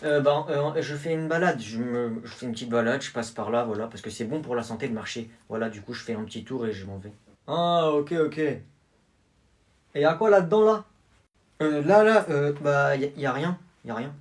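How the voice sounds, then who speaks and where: A man's voice: medium pitch, normal speed. A young man acting in comedy skits, hesitant and full of fillers. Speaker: comedy skit actor.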